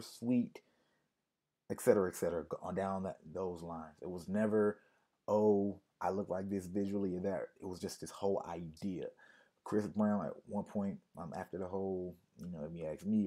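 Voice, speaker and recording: A man's voice: low voice, mellow, breathy edge. A man losing his voice, giving a casual talk on music branding and repeating key points for emphasis. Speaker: music marketing consultant. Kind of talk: casual explainer to camera.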